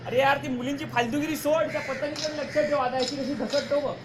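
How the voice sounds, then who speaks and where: An actor playing a bossy young elder brother who boasts and scolds while flying kites on a rooftop in a short film. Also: male voice, very high-pitched, steady tone, fast talker. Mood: explaining. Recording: noisy outdoor location sound.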